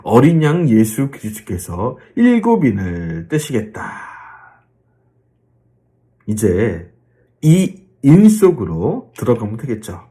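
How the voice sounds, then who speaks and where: A man, a pastor, giving a Bible lecture and asking his listeners questions along the way. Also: medium pitch. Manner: animated, drawn-out fillers, rhetorical questions to the listeners.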